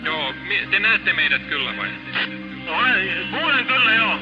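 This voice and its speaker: High-voiced man over marine radio. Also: very animated, moderate pace. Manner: clipped radio calls with hesitations. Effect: marine radio transmission. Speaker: ship radio operator. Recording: lo-fi radio with music behind. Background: music.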